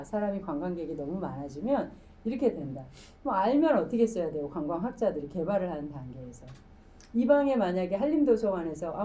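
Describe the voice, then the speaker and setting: A woman's voice: medium pitch, mellow, recorded from a distance, rough recording. A woman giving a public lecture in a conversational, storytelling way, often asking the audience questions. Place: lecture room.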